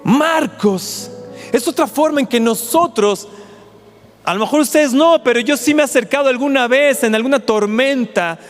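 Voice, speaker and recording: Mexican man preaching, high voice, auditorium echo, soft music behind. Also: normal speed. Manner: conversational preaching, acts out pleading quotes. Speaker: pastor. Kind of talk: sermon. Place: large auditorium. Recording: echoey auditorium with faint music.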